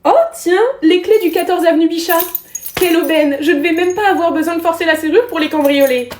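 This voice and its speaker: A young woman performing a deadpan, sarcastic comedy sketch in a mock-polite clerk manner. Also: extremely high pitch, brisk, echoey room, slight background noise.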